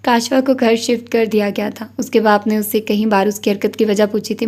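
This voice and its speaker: A woman narrating a novel as an audiobook reader, in an even, measured reading. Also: medium pitch.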